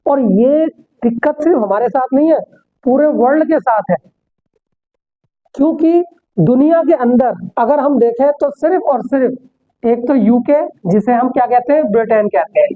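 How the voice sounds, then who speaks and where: A man's voice: very high voice, expressive, moderate pace. A man teaching an English class, explaining step by step and answering his own rhetorical questions. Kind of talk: classroom lecture. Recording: tinny phone-like sound.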